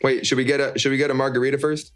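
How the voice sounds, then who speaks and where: A man speaks in an easy, upbeat way as co-host of a chat podcast. His voice sits at a middle pitch, and he addresses the audience informally as he goes. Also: flat delivery, racing, soft background music. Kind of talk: casual chat. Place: holiday rental, remote call over spotty Wi-Fi.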